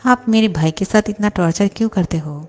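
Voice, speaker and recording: A woman's voice: medium pitch, a little fast, natural voice. A woman voicing a lovesick, hot-tempered young male boss who snaps back with indignant questions. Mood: angry.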